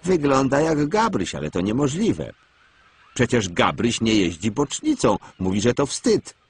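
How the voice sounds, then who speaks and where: A man's voice: mid-range voice, huge pitch swings, measured pace, slight background noise, pitched above the performer's own voice. A man voicing two cheeky young twin tank engines in a cartoon story, teasing and mocking.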